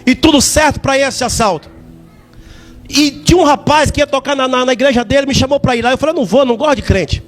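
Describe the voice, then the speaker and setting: A man giving a fervent church testimony in a sing-song preaching manner, repeating words and rising to shouts. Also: extremely high pitch, quick pace, soft background music.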